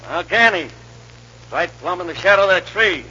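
An actor playing a ruthless, bossy outlaw who talks gruffly in rough western slang. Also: male voice, sits high, lively intonation, normal speed, sharp tone, slight background noise, full character voice. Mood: scheming. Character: ruthless male outlaw, bossy, cold-blooded. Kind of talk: 1940s radio acting. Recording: muffled old radio recording.

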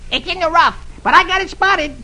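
A man's voice: very high voice, brisk, sharp tone, voice pushed up, exaggerated voice. A man voicing an eager young boy, a cheerful nephew on a golf outing, in chirpy radio-acting style on an old radio broadcast with music. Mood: excited.

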